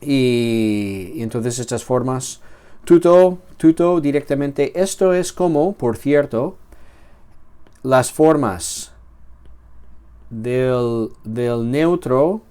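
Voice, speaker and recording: Slow, methodical male teacher. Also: mid-range voice, dark tone, smooth. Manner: slow and explanatory, with fillers and restarts. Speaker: Greek teacher. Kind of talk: recorded grammar lesson.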